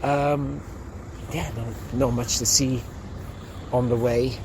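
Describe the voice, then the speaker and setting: Strolling outdoors through a city, a young podcast host talks in a loose, rambling way, filling gaps with lots of ums. He speaks slowly in a steady, medium-pitched voice. Street and traffic sounds fill the background of this outdoor recording.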